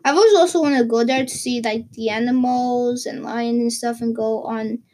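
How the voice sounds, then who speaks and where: Teen girl from portugal rambling thru a vlog, kinda high voice, lots of likes and restarts. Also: fairly even intonation, moderate pace, a little mellow, low-quality recording. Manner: rambling, many fillers and restarts. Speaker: vlogger. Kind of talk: casual chat.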